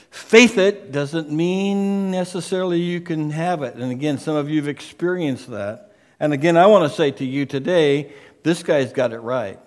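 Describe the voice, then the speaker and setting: A man's voice: fairly high pitch, long reverb tail. A man preaching a sermon as pastor, emphatic and conversational, often repeating his phrases for stress. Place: church sanctuary.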